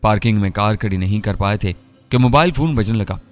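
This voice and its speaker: Low-voiced male audiobook narrator. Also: a little fast, long reverb tail, faint music behind. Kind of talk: scripted narration of a novel.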